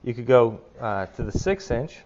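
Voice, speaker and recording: There's a sing-song lilt to this middle-aged man's medium-pitched voice as he hosts a relaxed woodworking video, eagerly demonstrating a tool in his home kitchen at a moderate pace. Picked up on a lapel mic, the audio is muffled with background noise.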